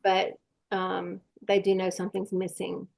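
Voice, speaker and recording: Host, woman: gravelly edge, thoughtful, searches for her words, faith talk. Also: mid-range voice, monotone, measured pace, a little mellow. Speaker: podcast host. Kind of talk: faith-based conversation.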